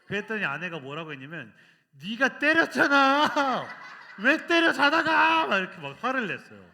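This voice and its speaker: At a children's worship service, a man with a high voice preaches energetically, telling a funny story and quizzing the kids with questions along the way.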